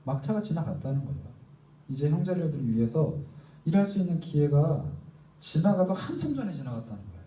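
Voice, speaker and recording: A man's voice: a little high, sing-song, a little fast, warm tone, distant mic. A young adult man preaching to a church youth group, emphatic and full of rhetorical questions. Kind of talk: sermon. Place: church hall. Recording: roomy echo, voice heard from afar.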